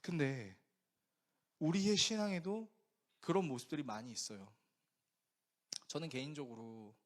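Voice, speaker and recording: A man preaching a sermon as pastor, animated and conversational, often asking the congregation questions. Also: on the high side.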